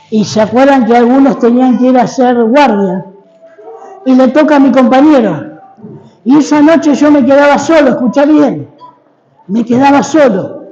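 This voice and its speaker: A middle-aged Argentine man delivers a sermon as a personal testimony in a high, dark-toned voice. He speaks slowly and dramatically, pausing to have the congregation repeat after him. The sound is dull and lo-fi, with a long reverb from the church hall. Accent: Argentine Spanish. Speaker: guest preacher.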